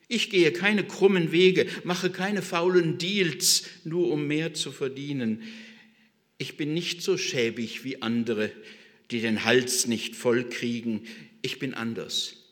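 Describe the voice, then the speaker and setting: A man's voice: a little high, fairly bright tone, long reverb tail. A man playing a self-righteous business owner insisting on his integrity.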